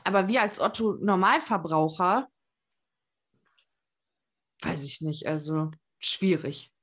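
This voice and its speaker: A woman's voice: on the low side, animated, slow pace, fairly bright tone, breathy edge. Earnest woman hosting a crime podcast. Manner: earnest, talks to the guest politely. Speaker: podcast host, interviewer. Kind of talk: true crime podcast interview.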